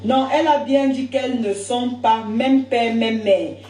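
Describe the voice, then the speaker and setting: A high-voiced woman giving indignant, rambling live commentary and repeating words as she argues. She sits back from the mic in an echoey room. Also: a little slow, mellow, far from the mic.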